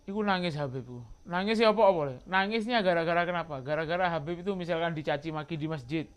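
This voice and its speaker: Speaking fast in a clear, resonant voice on the high side, a man delivers a sermon at a religious study gathering. He teaches from a religious book through stories, acts out quoted dialogue, and mixes in Javanese and Arabic.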